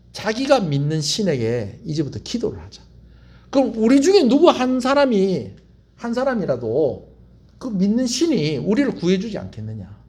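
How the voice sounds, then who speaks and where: A male pastor, preaching a sermon as animated storytelling full of rhetorical questions and call-and-response. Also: sits high. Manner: leads the congregation in call-and-response.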